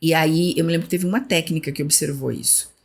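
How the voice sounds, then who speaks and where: A woman, a former health official, telling animated stories in a podcast interview and acting out remembered conversations. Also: deep voice, fast, creaky, slightly rough. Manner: animated storyteller who acts out remembered dialogue. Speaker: guest, former municipal health secretary.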